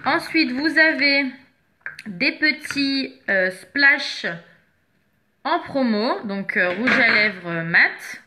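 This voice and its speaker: Slow-talking bright-voiced woman showing makeup. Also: high-pitched, lively intonation, a little hiss or hum. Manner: chatty, searches for products while talking. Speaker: makeup seller presenting products. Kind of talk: casual makeup product show-and-tell.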